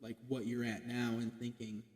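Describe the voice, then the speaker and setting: A podcast guest in his late twenties, with a medium-pitched, darkish voice he calls light and boyish, rambles casually at normal speed in a completely flat delivery, using lots of "like" and casual swearing. He's on a podcast mic in an echoey room with long reverb.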